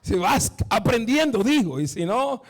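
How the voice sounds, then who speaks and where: A pastor preaching in a fairly high voice. He talks emphatically and keeps turning to the listeners with "¿verdad?" and "mi hermano". His sermon rises into loud, shouted preaching. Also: big pitch swings, a little slow.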